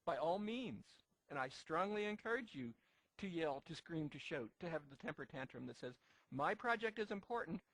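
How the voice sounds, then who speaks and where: A man's voice: a little high, lively intonation, moderate pace, dry recording, low-quality recording. A man teaching a recorded lecture, talking emphatically and often repeating himself to drive a point home. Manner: emphatic, repetitive, acts out short quotes. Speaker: instructor.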